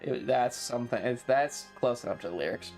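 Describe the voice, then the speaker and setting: Here the same kind of live chatter comes in a medium-pitched, expressive voice with a brisk pace and a darkish tone. The streamer wanders from point to point, curses often, and complains in an over-the-top, joking way while faint music plays behind.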